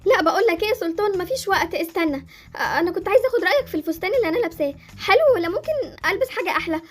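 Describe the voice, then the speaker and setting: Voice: very high voice, expressive, very fast. A young voice playing Jessie, a lovesick girl with an Egyptian accent. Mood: excited. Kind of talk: Roblox roleplay series acting.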